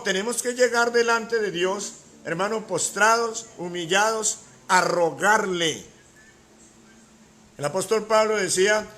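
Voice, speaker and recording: A man's voice: high-pitched, fairly bright tone, a little hiss or hum. A man preaching a sermon as pastor, emphatic, with rhetorical questions and repeated key words.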